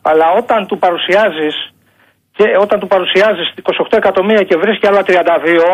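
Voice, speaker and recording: A Greek man calling in to a sports radio show over the phone, insistent and repetitive as he argues his point. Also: high-pitched. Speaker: caller. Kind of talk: call-in radio debate. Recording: phone line.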